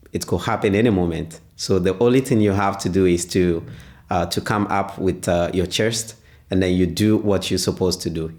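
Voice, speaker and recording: A man, answering interview questions as a father, pausing often and searching for words. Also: low-pitched, a little mellow. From Ghana. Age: 20s. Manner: hesitant, pauses often with "uh".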